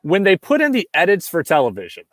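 A man's voice: high-pitched, huge pitch swings, fast, a bit bright, no room sound, clean studio sound. A man hosting a casual radio interview who asks curious, playful questions. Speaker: radio host.

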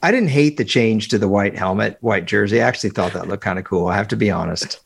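A man co-hosting a sports betting podcast over a remote call, talking in animated, opinionated bursts with many fillers. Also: fairly low pitch, fast, creaky, husky. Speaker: podcast co-host, football analyst. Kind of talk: casual sports podcast chat.

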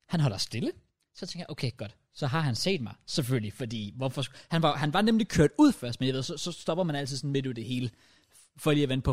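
A young man on a podcast, telling a story in lively casual chat and dropping English slang into his speech. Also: on the high side. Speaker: podcast co-host.

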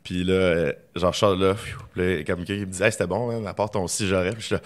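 Fast-talking Québécois man, very deep. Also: fairly even intonation. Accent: Québécois French. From Quebec. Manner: rapid storytelling, acts out quoted lines. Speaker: guest, film director. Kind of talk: casual podcast conversation.

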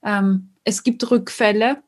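A woman with a fairly high voice hosts an interview podcast. She asks her questions hesitantly, with many fillers, and affirms her guest. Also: steady tone, slow. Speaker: podcast host. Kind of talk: casual interview conversation.

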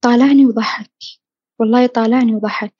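A woman earnestly telling her own story, reflective and at times dropping to a soft near-whisper. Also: a little high, fairly even intonation, quick pace, slightly rough, dry recording, highs cut off. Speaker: podcast guest sharing her story. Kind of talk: personal storytelling.

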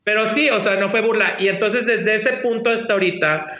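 Bright-voiced Mexican man telling stories. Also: high voice, a little fast. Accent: Mexican Spanish. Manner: animated, laughs often, acts out quoted voices. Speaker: guest. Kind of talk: casual storytelling chat. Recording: roomy echo.

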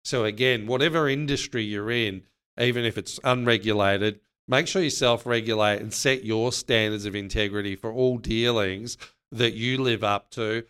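A man's voice: on the low side, steady tone, normal speed, fairly bright tone, smooth. A man co-hosting a business podcast, giving earnest advice in casual chat.

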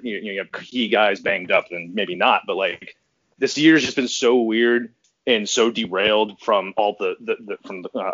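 A man's voice: on the low side, fairly bright tone. Male podcast guest, giddy and rambling, dull audio. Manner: rambling and giddy, with frequent restarts and laughs. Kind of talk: casual sports podcast chat.

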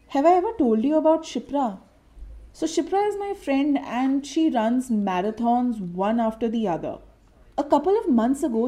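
A woman's voice: fairly high pitch, dark tone. A woman with a North Indian accent talks casually and confessionally to listeners, chatty and self-deprecating, mixing Hindi and English. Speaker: podcast host.

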